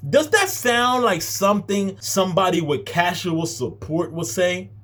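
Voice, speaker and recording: A man with a high, husky voice reacts to a clip, exasperated and firing rhetorical questions. His pitch swings widely, yet his pace stays slow and deliberate. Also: expressive, fairly bright tone. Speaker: reaction video host. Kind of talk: profane reaction commentary.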